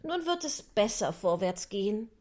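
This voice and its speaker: A man's voice: high voice, sing-song, moderate pace, darkish tone. A man voicing a polite but bold young girl in a storybook reading, in a prim, earnest tone. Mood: musing.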